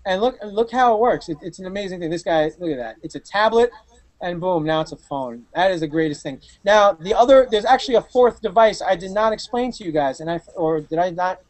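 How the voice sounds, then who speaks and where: Excitable high-voiced man in casual chat. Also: brisk, dry recording. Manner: loose, excitable, joking, crude. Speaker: podcast host. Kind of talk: casual chat commenting on videos.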